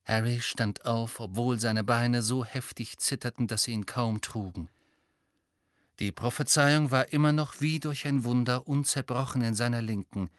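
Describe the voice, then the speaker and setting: A man narrating an audiobook in an expressive storytelling manner. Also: medium pitch, normal speed, dry recording, studio quality. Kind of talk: scripted narration.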